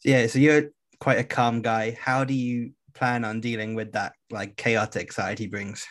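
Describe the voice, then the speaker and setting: A man hosting a podcast, asking a fighter interview questions in a calm, measured way. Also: medium pitch.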